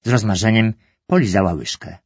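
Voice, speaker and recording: Husky, low-voiced man, calm even storytelling narration, dull lo-fi dry recording. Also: brisk, dry recording. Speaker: audiobook narrator. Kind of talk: scripted narration.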